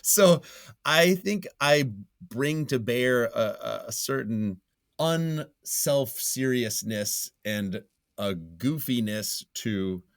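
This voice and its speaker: Casual and conversational, a man with a mid-range voice answers as an interview guest who's a writer and journalist. His goofy, self-deprecating style comes with frequent chuckles, and the dry recording is studio quality.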